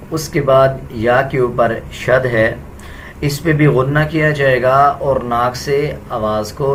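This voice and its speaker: Male teacher, mid-pitched voice, slow, patient walkthrough of pronunciation rules, faint room noise. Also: rough recording. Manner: patient, deliberate, repeats rules. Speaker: tajweed teacher. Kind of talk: slow step-by-step explanation.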